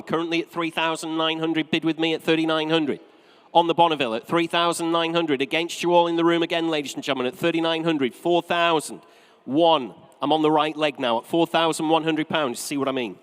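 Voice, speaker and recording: A man's voice: a little high, steady tone, brisk, a bit bright, clear, resonant tone. A British man working as an auctioneer, calling live bids in formal, repetitive patter with bantering asides. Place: large auction saleroom. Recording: long reverberant hall sound.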